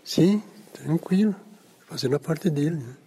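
A man, a community union leader, hoarse from a flu and giving short, slow replies to interview questions. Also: fairly high pitch, lively intonation, dark tone, in a large hall. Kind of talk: casual interview answers.

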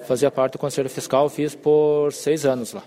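A man's voice: mid-range voice, level tone, moderate pace, mellow. A man, a rural union member, giving plain-spoken, rallying interview answers. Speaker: rural union member, former fiscal council member.

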